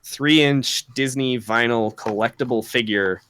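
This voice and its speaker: A man's voice: medium pitch, a little slow, fairly bright tone, a little hiss or hum. A young man co-hosting a podcast, chatting casually, rambling, swearing a lot and laughing often. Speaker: podcast co-host. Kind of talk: casual chat.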